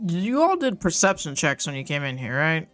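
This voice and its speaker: A woman with a low voice narrates a tabletop game as game master in a casual way. The sound is dry and close. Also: big pitch swings, normal speed, a bit bright, no room sound, soft background music.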